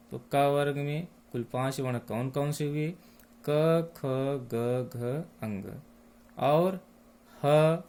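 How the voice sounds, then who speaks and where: Male teacher, unhurried, spells out each sound patiently, mid-pitched. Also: darkish tone. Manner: slow and deliberate, dwelling on each sound. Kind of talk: classroom lesson.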